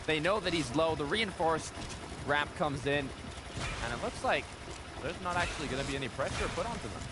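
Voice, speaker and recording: A man's voice: on the high side, animated, a little fast. A man giving live esports play-by-play commentary in short, punchy, suspense-building phrases. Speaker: esports caster. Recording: game gunfire and vehicle noise behind. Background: video game gunfire and ambience.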